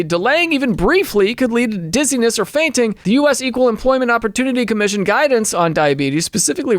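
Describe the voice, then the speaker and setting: A playful young man reads internet posts aloud and comments on them. His voice sits high and leaps around a lot, from squeaky outbursts down to low asides. The sound is dry and close to the mic. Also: dry recording. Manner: playful, swinging between high exclamations and low mumbles. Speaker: comedy reaction host. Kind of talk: reading and reacting to online posts.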